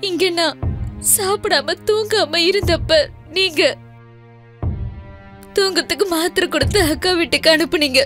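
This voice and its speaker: Tearful film role: a young wife, crying and pleading, very high voice, soft music behind. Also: female voice, moderate pace, pauses often. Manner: pleading, sobbing. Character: desperate young married woman, tearful.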